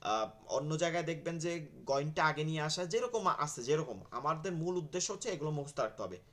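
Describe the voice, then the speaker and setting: A man's voice: on the high side, lively intonation, a little fast, a bit bright. A man teaching a Quran reading class, drilling letter names over and over and asking questions he answers himself. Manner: repeats letters and drills students, asks and answers own questions. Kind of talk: online class lesson.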